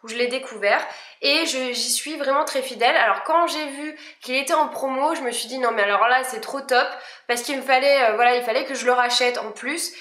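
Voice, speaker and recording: A woman's voice: high voice, a little fast, a bit bright, roomy sound. A young woman chatting casually through a makeup review, full of fillers and restarts. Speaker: beauty vlogger.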